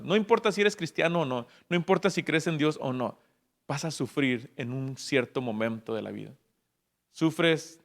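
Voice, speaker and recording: A man preaching a sermon as pastor, impassioned and rising to loud, emphatic peaks. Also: mid-range voice. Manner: acts out everyday people's voices in asides.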